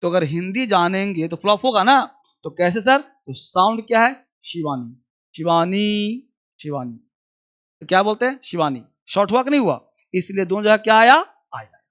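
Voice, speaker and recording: A man's voice: high voice, expressive, a little fast, a bit bright. Man teaching, drilling sounds over and over. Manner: drills sounds by repeating words and quizzing students; addresses students fondly as child. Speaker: English spelling teacher. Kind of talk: demo class lesson.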